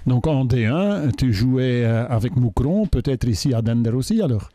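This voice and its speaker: An older man, a club TV interviewer, doing a post-match interview in two languages, halting with many fillers and translating each answer, on a handheld mic in a locker room. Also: medium pitch, expressive, mellow, no room sound.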